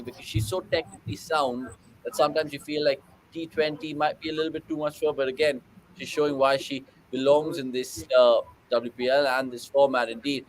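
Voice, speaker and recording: A man's voice: on the high side, a little hiss or hum, low-quality recording. A young man with a British accent hosts a live online cricket watchalong. He is chatty and easygoing, reacting to boundaries as they happen and putting viewer questions to his co-hosts.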